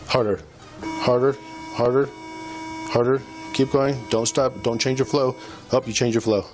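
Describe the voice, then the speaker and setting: A man's voice: mid-range voice, steady tone, unhurried. A middle-aged male police officer coaching someone through a breath test with short, repeated commands. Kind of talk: bodycam field recording. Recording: bodycam audio under loud music.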